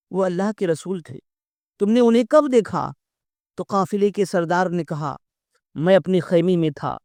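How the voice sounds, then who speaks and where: A man's voice: high voice, no room sound, clean studio sound. A man giving a devotional storytelling speech, acting out the dialogue and reciting poetic couplets. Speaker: religious speaker.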